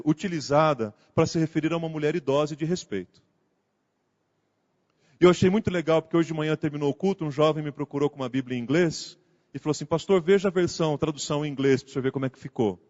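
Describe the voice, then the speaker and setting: A pastor with a somewhat high, slightly mellow voice delivers a conversational sermon, performing the quoted lines as he goes. Recorded in a church sanctuary, the audio is muffled with long hall reverb.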